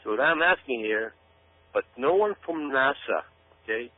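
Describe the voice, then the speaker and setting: A man with a medium-pitched voice and lively intonation speaks at normal speed as a guest commentator, emphatically addressing listeners and repeating himself for effect. The recording is dry, with a tinny, phone-like radio quality and hum.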